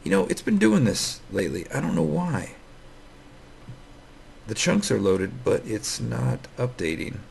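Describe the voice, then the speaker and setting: A man with a lowish, gravelly voice, scratchy from the morning, talks through his game in loose, rambling commentary. He keeps restarting sentences and filling gaps with "um" and "you know". Faint typing from his keyboard sits under his voice. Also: huge pitch swings, unhurried, long pauses, a little mellow. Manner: rambling, many fillers and restarts. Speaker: Minecraft let's player. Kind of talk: casual gameplay commentary.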